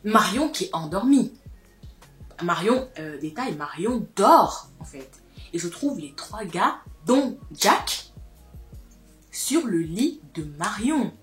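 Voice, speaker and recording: A woman's voice: medium pitch, sing-song, slow, faint music behind. A young woman vlogger telling a personal story to her viewers in a casual, emphatic way, often repeating herself for effect.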